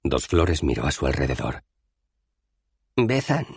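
Deep, husky male audiobook narrator. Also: expressive, moderate pace, a little mellow, no room sound. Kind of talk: scripted narration.

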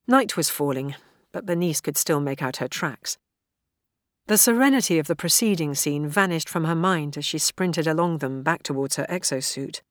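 A woman with a low voice narrates an audiobook in a measured, even way. The recording is dry and close, with almost no room sound. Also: no room sound. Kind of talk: scripted narration.

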